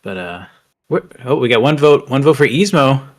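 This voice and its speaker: A man commentating a drift racing event, excitable and chatty, a little out of breath. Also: medium pitch, moderate pace. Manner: excitable, chatty, laughs easily.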